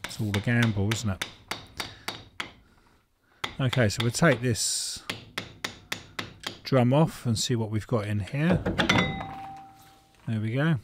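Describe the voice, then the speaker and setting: A man's voice: medium pitch, slow pace, pauses often. Wry man in a garage. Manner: wry, frank, thinking aloud with fillers. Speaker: home mechanic. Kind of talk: casual workshop narration. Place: indoor garage workshop. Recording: faint noise and tool clicks.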